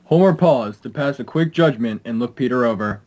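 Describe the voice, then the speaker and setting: A man narrating a story at a middle pitch. He reads each line in a plain, steady, even way. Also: brisk, poor audio. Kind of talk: scripted narration.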